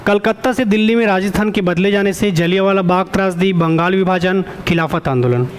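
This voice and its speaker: A high-pitched male teacher delivers an online exam-prep lecture, constantly quizzing students for answers. He often pauses to check in with a quick "okay" and corrects himself along the way.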